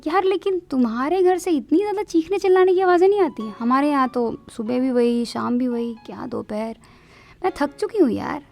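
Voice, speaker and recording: A woman's voice: high-pitched, animated, fairly quick, creaky, darkish tone, faint music behind. A woman voicing a weary young married woman who confides her exasperation to a friend in a spoken story. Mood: fed up.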